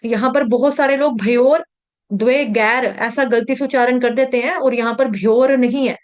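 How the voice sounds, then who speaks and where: A middle-aged woman teaching Sanskrit verse recitation in an online class. She chants the verse in slow, drawn-out syllables, then explains pronunciation in quick conversational asides over a video call. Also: on the high side, fairly even intonation.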